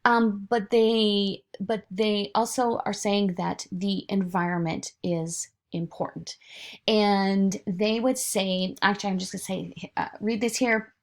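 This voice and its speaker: A woman's voice: mid-range voice, steady tone, measured pace. A woman lecturing informally to her students, with frequent fillers and restarts. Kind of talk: recorded online lecture.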